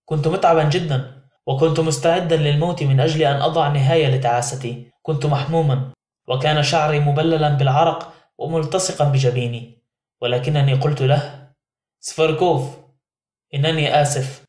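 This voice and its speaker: A man's voice: a little high, steady tone, fairly quick, darkish tone. A man narrating a novel in the first person as an audiobook, in a dramatic reading style. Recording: roomy echo.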